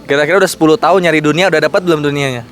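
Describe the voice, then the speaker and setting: A man hosting, asking participants quick probing questions in a casual interview at a mosque gathering. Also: fairly high pitch, fairly bright tone, faint music behind. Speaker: host interviewing camp participants.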